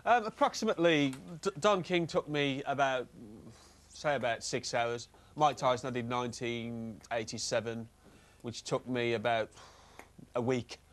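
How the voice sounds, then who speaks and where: A man's voice: medium pitch, normal speed. A man who carves tiny art into matchsticks, chatting as a studio guest with dry puns. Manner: dry punning humour. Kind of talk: casual studio chat.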